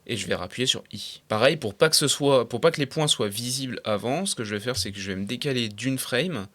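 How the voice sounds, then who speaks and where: A young man talking casually through a software tutorial step by step, with frequent fillers and English terms mixed in. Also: medium pitch, a little fast. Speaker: tutorial creator. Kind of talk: screen-recorded software tutorial.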